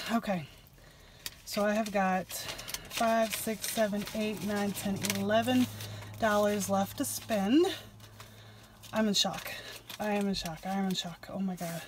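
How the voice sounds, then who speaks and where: A woman in her thirties vlogs from behind the wheel, talking in a loose, excitable way with plenty of fillers. She speaks to a camera on the dashboard. Steady engine and road noise runs under her voice. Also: mid-range voice. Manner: chatty and excitable, with many fillers. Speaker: vlogger. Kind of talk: casual chat to camera. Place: inside a moving car, driving. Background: car noise.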